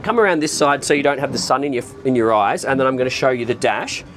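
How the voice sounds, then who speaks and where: A man giving a casual, upbeat guided tour, chatty and pointing out features as he goes, outdoors on a boat in an open bay, now and then clearing his throat. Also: mid-range voice, quick pace, a bit bright. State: occasional throat clearing after a recent flu. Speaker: boat reviewer presenting a walkthrough.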